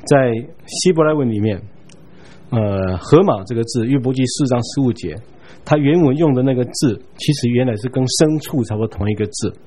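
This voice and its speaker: A man giving a Bible study lecture in a relaxed, chatty way, chuckling now and then and checking in with his listeners. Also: medium pitch, normal speed, slight background noise. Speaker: Bible teacher.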